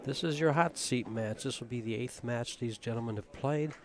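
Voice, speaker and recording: A relaxed man calls a pool match in a chatty, knowledgeable way, his voice sitting in an ordinary middle register. He talks through the shots like a seasoned commentator, with no fuss. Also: mid-range voice, moderate pace. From Tucson, Arizona. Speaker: play-by-play commentator.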